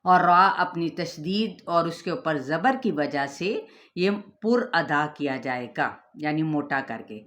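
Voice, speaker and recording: A woman with a somewhat low voice gives a tajweed lesson. She explains patiently and slows down to demonstrate each sound carefully. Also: expressive, a bit bright. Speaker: Quran recitation teacher.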